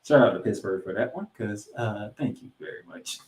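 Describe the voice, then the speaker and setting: With a fairly low, slightly mellow voice, a man hosts a sports podcast, speaking briskly and expressively. His recap commentary is loaded with stats, and he delivers names and numbers with emphasis. The recording has a roomy, echoing sound.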